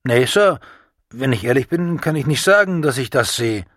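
Guy reading a blunt brit sergeant, matter of fact, husky, dry sound. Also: mid-range voice, animated, moderate pace, a bit bright, no room sound, voice pushed up. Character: British sergeant, male, plain-spoken and cool.

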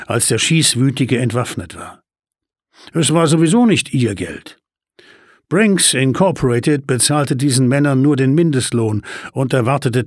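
A man narrates a first-person crime story as an audiobook, his delivery measured and tense with touches of dry humor. His voice is medium-pitched and husky, with no echo.

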